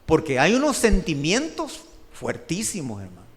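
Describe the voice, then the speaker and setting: A middle-aged man with a Salvadoran Spanish accent, preaching a testimony sermon in an animated storytelling way, often addressing listeners as brother. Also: on the high side, moderate pace. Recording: long hall reverb.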